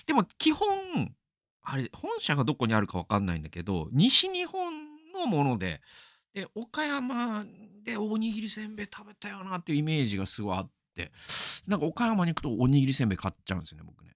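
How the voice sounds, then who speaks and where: A man's voice: a little high, wildly swooping pitch, quick pace, fairly bright tone, dry recording, clean studio sound. A middle-aged man hosting a radio show, talking casually and rambling, laughing often. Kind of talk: casual solo talk.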